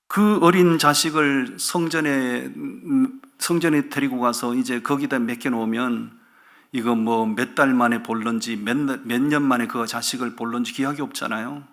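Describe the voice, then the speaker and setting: A male pastor delivers a Sunday sermon with animated emphasis and frequent rhetorical questions. His voice is gravelly with a bright, forceful edge. He sits at an ordinary mid pitch for a man. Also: normal speed.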